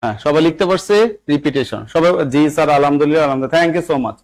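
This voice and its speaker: A man's voice: fairly high pitch, racing, poor audio. A young Bangladeshi man teaching an English spelling lesson to a live online class, repeating himself and checking often that everyone follows. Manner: repetitive, coaxing, keeps checking understanding. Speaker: English teacher for job exams.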